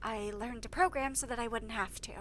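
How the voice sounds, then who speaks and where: A woman's voice: fairly high pitch, fairly even intonation, brisk, a bit bright, slight background noise, lightly acted. A woman voicing a pedantic middle-aged father who explains a movie plot in detail. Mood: explaining.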